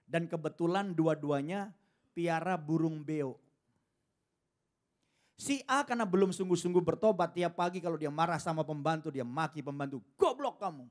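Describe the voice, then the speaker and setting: A man preaching a sermon with animated storytelling and casual asides to the congregation. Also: fairly high pitch, moderate pace. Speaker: pastor.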